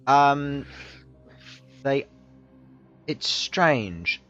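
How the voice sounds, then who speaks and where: A man running a tabletop game as game master, describing scenes slowly with many fillers and pauses. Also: mid-range voice, lively intonation, a bit bright. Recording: dull lo-fi mic, faint music behind.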